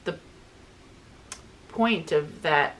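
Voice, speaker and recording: A woman co-hosting a book discussion, enthusiastic and informal, often halting and repeating herself. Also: sits low, slight background noise. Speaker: co-host of a book review show. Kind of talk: casual book discussion chat.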